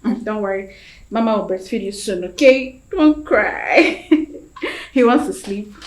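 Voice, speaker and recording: A woman's voice: high voice, big pitch swings, extremely slow, full character voice. A woman playing a doting young mother who coos, hums and soothes her crying baby. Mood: tender. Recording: roomy film sound with faint music.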